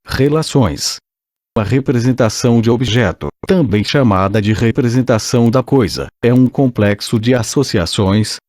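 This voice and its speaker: A man's synthesized voice, reading scripted educational narration in a formal, measured way. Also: medium pitch, a little mellow, no echo, clean studio sound. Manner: formal, measured read-aloud delivery.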